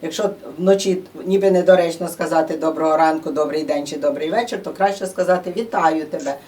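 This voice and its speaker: A woman's voice: deep voice, quick pace, warm tone. A woman giving an informal, chatty talk to an audience in a museum room, explaining things with many fillers. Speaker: presenter at a museum gathering. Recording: distant room microphone.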